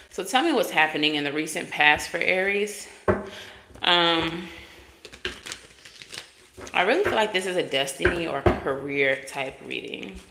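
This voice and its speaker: A woman giving a relaxed, chatty tarot reading to viewers, her voice run through a digital echo effect on her microphone. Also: low voice, gravelly, background noise. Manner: relaxed, chatty, with frequent fillers. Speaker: tarot card reader. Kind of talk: casual spoken reading to viewers. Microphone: microphone with added echo effect. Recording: echo-effect mic with long reverb.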